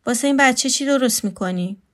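A woman's voice: high voice, a bit bright. A woman voicing a sarcastic, teasing houseguest. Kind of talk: read storytelling.

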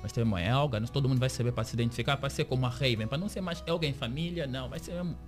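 A man being interviewed on the radio as a series creator, telling his story with lively acted-out quotes of other people. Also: mid-range voice, rapid-fire, soft background music. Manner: animated storyteller, acts out quoted dialogue. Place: radio studio.

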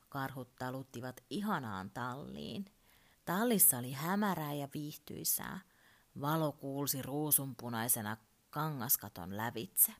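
A woman gently reading a children's story aloud. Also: sits low.

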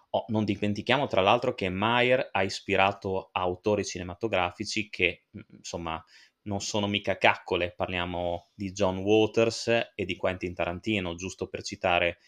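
A man's voice: on the low side, fairly bright tone. A man hosting a film-review podcast, talking casually and digressively with frequent fillers and asides. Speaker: podcast host reviewing films.

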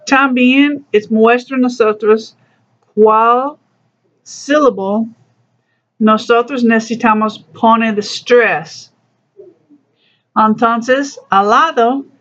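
Slow, patient teacher on a dull recording. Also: mid-range voice, fairly bright tone. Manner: slow, patient explanations mixing broken Spanish with English. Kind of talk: recorded class lesson walking through a textbook.

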